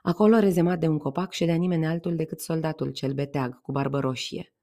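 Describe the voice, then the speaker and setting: Woman storyteller, mellow timbre, measured unhurried fairy-tale reading. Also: low-pitched, steady tone. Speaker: podcast storyteller.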